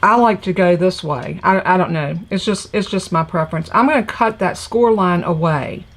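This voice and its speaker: A woman with a fairly low, scratchy, congested voice speaks at normal speed as she demonstrates papercraft live. She chattily explains the project step by step while she works.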